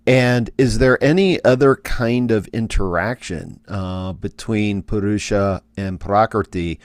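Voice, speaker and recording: A man hosting a podcast puts his questions to a guest, hesitant and halting as he works out his wording. His voice is low-pitched. The sound is dry and close, with no room echo. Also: clear, resonant tone. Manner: hesitant, many uh fillers. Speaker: podcast host. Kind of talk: interview questions.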